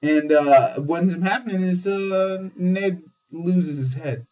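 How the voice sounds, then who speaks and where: A man hosting a casual TV episode review, excitable and swearing often, with lots of fillers. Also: high-pitched, unhurried. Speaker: host. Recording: dull lo-fi sound, distant mic.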